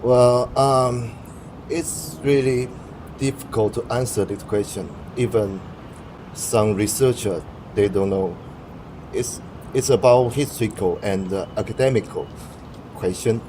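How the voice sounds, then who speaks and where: With a noisy background behind him, a young Mandarin-speaking man from Taiwan responds to interview questions in English. He speaks in a lowish, steady voice but keeps halting, hunting for words and starting over.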